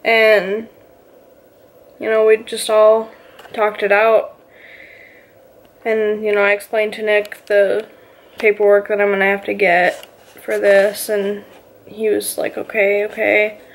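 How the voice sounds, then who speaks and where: A woman's voice: medium pitch, completely flat delivery, takes it slowly, pauses often. A woman vlogger casually telling a personal story, rambling and filling her talk with "you know" and "like".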